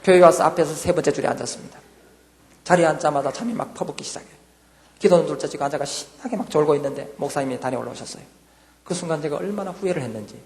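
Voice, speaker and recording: A man in his sixties with a Gyeongsang accent, a church deacon giving a lively testimony and acting out voices of himself and his wife. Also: fairly high pitch, fast talker, big-room sound. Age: 60s.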